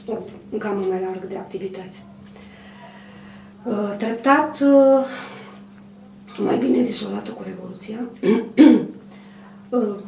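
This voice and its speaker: A woman in her fifties who runs a clothing manufacturer, answering an interview in a measured, hesitant way with many pauses. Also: mid-range voice, a little mellow. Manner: measured, hesitant, frequent pauses and throat clearing. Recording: roomy, distant mic, faint hum.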